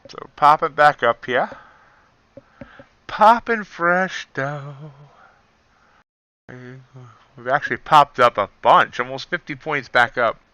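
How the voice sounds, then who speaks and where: A man's voice: medium pitch, fairly even intonation, unhurried, pushed and bright, clear, resonant tone, no room sound, rough recording. A man commenting on his live futures trades, wry and self-deprecating, reading out prices as they move. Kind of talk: live trading commentary, thinking aloud.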